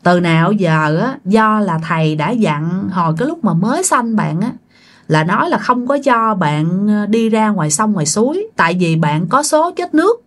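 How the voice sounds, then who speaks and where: A woman's voice: medium pitch, very animated, moderate pace. A woman telling a ghost story in a chatty, casual way, talking straight to her listeners. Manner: chatty, addresses listeners directly.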